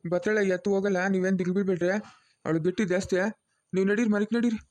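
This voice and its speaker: A man's voice: sits high, steady tone, racing, a little mellow. A man with a rural Chikkaballapur Kannada accent, playing a blunt villager who keeps scolding. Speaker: son-in-law in a family drama. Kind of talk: village web-series acting.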